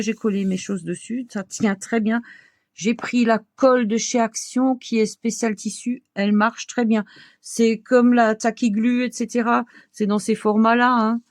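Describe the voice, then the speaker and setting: An older woman from Alsace with an Alsatian French accent, chatting casually and homely through a show-and-tell, with many small fillers and soft laughs. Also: fairly high pitch, steady tone, normal speed, no echo, studio quality. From Alsace, France. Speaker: craft vlogger.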